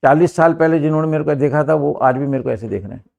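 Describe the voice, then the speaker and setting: A man's voice: fairly high pitch, fast, gravelly, a little mellow, dull audio. An older man with an Indian accent teaching English to a class, asking emphatic rhetorical questions, recorded from a far camera in a classroom. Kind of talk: classroom lesson.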